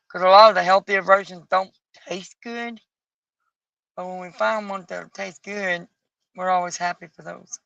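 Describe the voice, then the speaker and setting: A woman streaming from home, chatting casually and musing aloud as she colors, with a bit of rough morning voice. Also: medium pitch, pushed and bright, no room sound, lo-fi sound. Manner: muses aloud, picky and chatty, folksy asides. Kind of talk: casual chat while coloring. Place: home at night.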